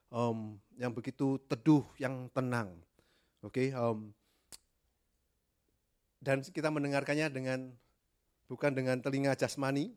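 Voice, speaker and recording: Middle-aged man, preacher, sermon, soft-spoken, many fillers, some English words. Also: mid-range voice, clear, resonant tone.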